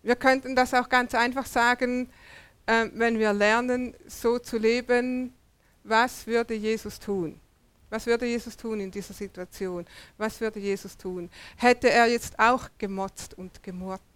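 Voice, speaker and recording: Slow, clear-voiced woman preaching. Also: fairly high pitch, steady tone, fairly bright tone, no echo. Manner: rhetorical questions, emphatic repetition. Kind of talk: sermon.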